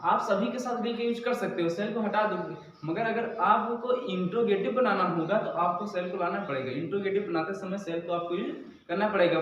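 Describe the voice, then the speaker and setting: A man's voice: sits high, fairly bright tone, a little hiss or hum. A man teaching an English grammar lesson in a classroom, explaining step by step and answering his own questions. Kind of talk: classroom lecture. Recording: echoey dull room sound from a distance.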